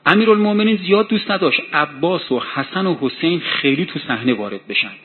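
A man's voice: fairly high pitch, lively intonation, husky. A man preaching a sermon, telling a story dramatically, his voice rising in heated passages. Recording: tinny phone-like sound with faint hiss.

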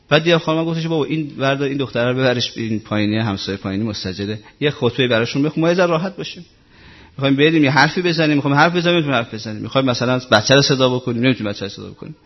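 A man's voice: medium pitch, animated. A middle-aged male cleric giving a conversational religious talk, repeating himself and asking rhetorical questions. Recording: muffled lo-fi recording.

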